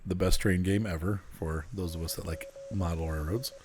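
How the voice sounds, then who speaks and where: Deep and slightly rough with a darkish tone, this man's voice holds steady at a normal speed. He's a streamer at home playing a train game, talking casually and muttering to himself through a desk microphone set high, sounding a little congested and nasal.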